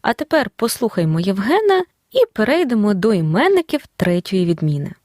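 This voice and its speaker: Woman, language teacher, scripted lesson voice, very animated intonation, close and dry. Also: medium pitch, dry recording. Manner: clear, deliberate explanation of grammar rules. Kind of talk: scripted audio lesson narration.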